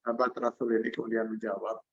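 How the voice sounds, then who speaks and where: A man's voice: on the low side, level tone, fast, fairly bright tone, breathy edge. An older man with an Indonesian accent, preaching a sermon over a video call, reciting Arabic verses and then explaining them. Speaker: Islamic preacher. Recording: dull lo-fi video call audio.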